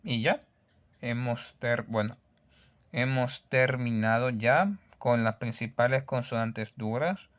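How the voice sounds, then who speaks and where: A man teaching a language lesson, patiently repeating words and sounds slowly for learners. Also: medium pitch, clear, resonant tone.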